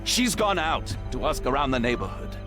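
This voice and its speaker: An actor playing a worried, urgent gentleman in a video game, anxious in his delivery. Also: medium pitch, sing-song, moderate pace, over music, natural voice. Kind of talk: video game drama acting.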